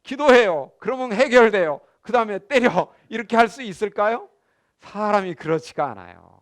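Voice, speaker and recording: A man's voice: high voice, moderate pace. A middle-aged man giving a Bible lecture to a class as a professor, acting out little scenes and putting questions to the room. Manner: animated, acts out scenes and asks the class questions.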